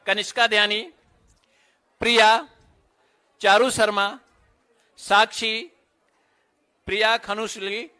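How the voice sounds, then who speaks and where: A man's voice: high voice, smooth. A man announcing students' names one by one at an award ceremony, with brief instructions to the children between names. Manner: steady roll-call of names, brisk stage directions. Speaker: event announcer.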